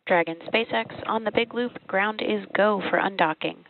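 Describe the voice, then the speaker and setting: A woman's voice: mid-range voice, moderate pace. A woman working as a spacecraft ground controller, giving clipped, formal callouts over a crackly radio loop. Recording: tinny radio line with static.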